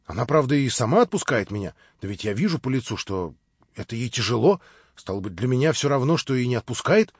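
A man's voice: mid-range voice, big pitch swings, fast, slightly rough, no room sound, voice pushed down. A man voicing a naive young man who talks in a plaintive, rambling way, read from an audiobook. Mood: self-justifying. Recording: dry, slightly dull lo-fi audio.

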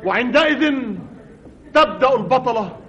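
A man's voice: very high voice, animated, normal speed, sharp tone. Exasperated man telling a comic monologue. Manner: exasperated, mock-dramatic storytelling. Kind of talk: old radio comedy monologue. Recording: dull old radio recording.

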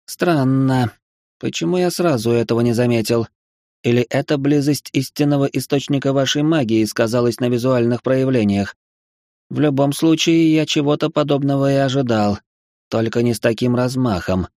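A man voices a scholarly male angel in an audiobook, wry and measured as he talks through puzzles. The voice sits in an ordinary middle range. The recording is close and completely dry. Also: mid-range voice, a little mellow, dry recording, lightly acted. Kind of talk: audiobook character reading.

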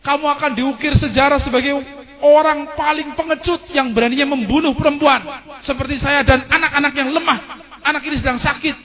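A man's voice: very high-pitched, voice pushed up. A man voicing a grieving, defiant noblewoman who scornfully accuses a cruel ruler, in a sermon story. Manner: accusing, challenging tone. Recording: dull lo-fi recording.

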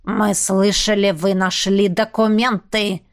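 A woman voicing a snarling undead male ghoul who growls slow threats. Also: medium pitch, level tone, no room sound, clean studio sound. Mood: menacing.

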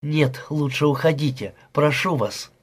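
Audiobook: male reader doing a soft, pleading young wife, husky tone. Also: fairly high pitch, a little slow. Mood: sad. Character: young woman, nineteen, pleading and defensive.

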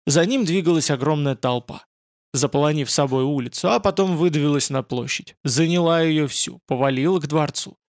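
Gravelly guy reading a fantasy audiobook, kinda high voice. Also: a little fast, no echo, studio quality. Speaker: audiobook narrator. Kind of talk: scripted fantasy novel narration.

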